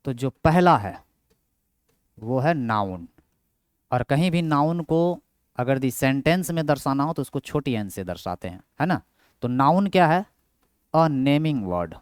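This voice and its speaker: A man's voice: medium pitch, very animated, a little slow, pauses often, no room sound, clean studio sound. A young man teaching a grammar class, who keeps asking his own questions and answering them. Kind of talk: Hindi grammar lesson with English terms.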